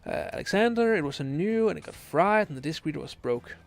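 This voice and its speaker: Over faint background music, a Danish-accented man in his late twenties speaks briskly and expressively in a fairly high voice with some vocal fry. Streaming a game late at night, he casually reads and answers chat questions. He hesitates a lot, using many fillers while reaching for English words.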